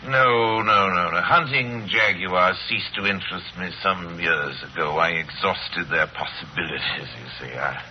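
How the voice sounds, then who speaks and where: An actor playing a cultured, sinister general and obsessive hunter, suave, courtly and boastful, in 1940s radio drama style. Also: male voice, sits low, moderate pace, few pauses, close to an everyday voice. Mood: grandiose, relishing. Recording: noisy, dull 1940s radio recording.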